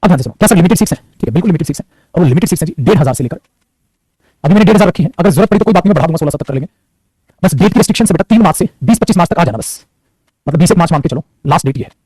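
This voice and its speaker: His voice sits a little high, husky and dark, expressive and racing, with no echo at all. It's a young man with a sore neck giving a chatty, teasing online class, scolding and joking with his students.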